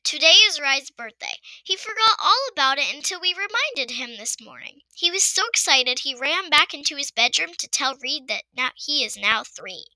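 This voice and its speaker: A woman's voice: high-pitched, very animated, normal speed, few pauses, bright, forceful tone, dry recording, poor audio. A woman with a New York accent hosting a casual podcast, giving a chatty, upbeat family update with playful asides. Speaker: podcast host.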